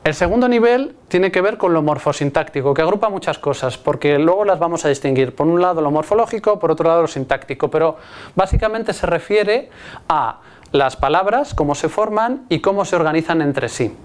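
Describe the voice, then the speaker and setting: A man delivering a recorded linguistics lecture, his voice fairly high and smooth. He explains patiently, restarting phrases and checking in with listeners as he goes. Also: animated, a little fast. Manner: explanatory, with frequent restarts and rhetorical "¿no?".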